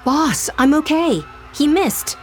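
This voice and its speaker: A woman's voice: animated, slow pace, soft background music. A woman voicing a loyal, eager young man who speaks urgently in a raised voice. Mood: worried. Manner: urgent, raised and pitched high.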